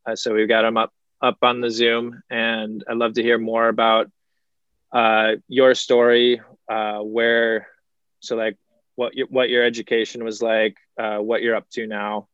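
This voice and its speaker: A man's voice: medium pitch, clean tone, dry recording, dull audio. A man hosting a podcast, talking casually with many fillers and restarts. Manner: relaxed, halting, many fillers. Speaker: podcast host.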